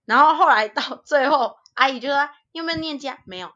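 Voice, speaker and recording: Bright, lively young woman. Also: high voice, fast, lo-fi sound. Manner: lively storyteller who acts out quotes, laughs often. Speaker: podcast co-host. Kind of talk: casual chat.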